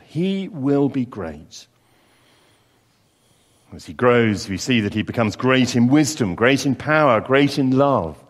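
Earnest male preacher, lively intonation. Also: medium pitch. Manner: earnest, expressive delivery with pauses and emphatic repetitions. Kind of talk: sermon.

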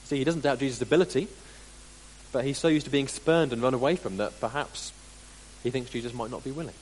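A man preaching a sermon as dramatic storytelling, deliberate and full of pauses, with sudden drops into quiet, in a large hall. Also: mid-range voice. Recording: long hall reverb, faint hum.

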